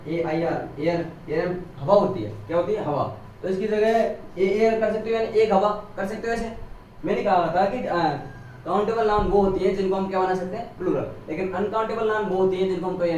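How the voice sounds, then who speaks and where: A man's voice: high-pitched, darkish tone, a little hiss or hum. A man teaching English grammar, who keeps asking questions and answering them himself. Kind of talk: classroom lecture. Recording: very echoey room, voice from a distance.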